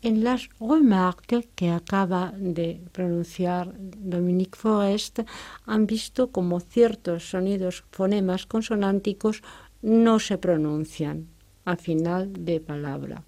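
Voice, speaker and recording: Mellow-voiced woman teaching French. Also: on the low side, takes it slowly. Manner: clear, careful teaching tone with French examples. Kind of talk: explaining French phonology and grammar.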